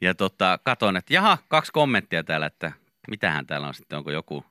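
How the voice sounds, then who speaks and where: A man co-hosting a morning radio show with a very low voice that still moves around a lot in pitch. His tone is bright and forceful, and he rambles through stories with plenty of fillers. The studio sound is dry and close. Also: no echo. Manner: rambling, relaxed, many fillers. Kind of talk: casual radio chat. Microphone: studio microphone.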